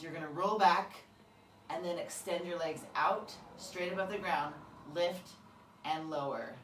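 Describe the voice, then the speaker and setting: A woman's voice: lowish voice, a little hiss or hum. A middle-aged woman leading a live workout class, giving short, encouraging instructions as she exercises. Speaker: fitness coach leading a class. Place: large empty indoor room with high ceiling. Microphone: phone camera a few metres away. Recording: echoey room, far from mic, music behind.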